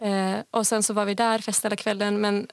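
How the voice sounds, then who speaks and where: A woman's voice: medium pitch, level tone, smooth, dry recording. A woman co-hosting a podcast in casual chat, talkative with lots of fillers and easy laughter. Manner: chatty, frequent fillers and laughter. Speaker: podcast co-host.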